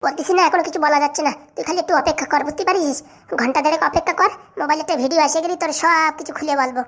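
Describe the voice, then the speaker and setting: A scheming middle-aged cartoon mother scolds and orders her daughter about in a very high, squeaky voice. She rattles her lines off at a breakneck pace. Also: rapid-fire, fairly bright tone. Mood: bossy. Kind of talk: cartoon voice acting.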